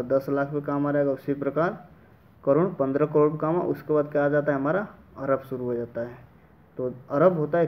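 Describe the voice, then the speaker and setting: Man teacher, question-and-answer lesson, fairly high voice, muffled lo-fi audio. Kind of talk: classroom math lesson for children. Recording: dull lo-fi audio.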